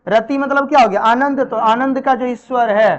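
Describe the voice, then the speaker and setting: A woman teaching Sanskrit grammar in a classroom, firing repeated questions at her pupils and gently scolding them. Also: on the high side, fairly even intonation, normal speed, lo-fi sound. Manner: drills students with repeated questions and answers; chiding, familiar address to pupils. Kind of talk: live classroom teaching in Hindi. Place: classroom with students.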